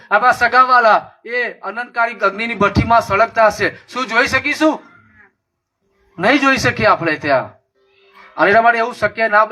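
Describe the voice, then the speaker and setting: Impassioned high-voiced male preacher. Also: bright, forceful tone. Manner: impassioned, repetitive preaching cadence. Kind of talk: sermon.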